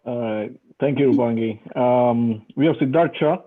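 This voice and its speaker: A man's voice: mid-range voice, unhurried. A man hosting a group video call and calling on participants to speak. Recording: thin phone-like call audio.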